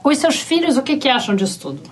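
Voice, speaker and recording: A Brazilian woman interviewing guests as a podcast host and asking brisk, friendly questions. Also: sits high, big pitch swings. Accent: Brazilian Portuguese.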